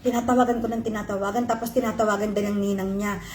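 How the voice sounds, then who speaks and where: A woman's voice: mid-range voice, little pitch movement, fast talker, a little mellow. Woman telling a story in a roomy space. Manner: emotional, mixes English into Tagalog. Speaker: vlogger host. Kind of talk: storytelling to viewers. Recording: roomy echo.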